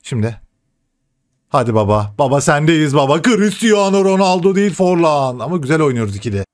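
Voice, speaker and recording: A young man commentating his own football video game live, excitable, shouting and swearing at the game over background game music. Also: a little high, fairly quick. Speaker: gaming streamer.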